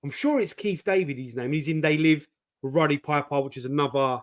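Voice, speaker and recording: Chatty man, higher voice. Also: fairly quick. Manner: chatty, swears, fillers like listen and mate. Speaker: co-host of a comics stream. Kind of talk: casual chat.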